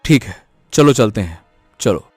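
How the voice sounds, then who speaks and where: A man's voice: fairly low pitch, animated, unhurried, husky, no room sound, clean studio sound, soft background music. An actor playing an earnest young prince explaining how he was captured. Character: earnest young male prince, recently freed captive.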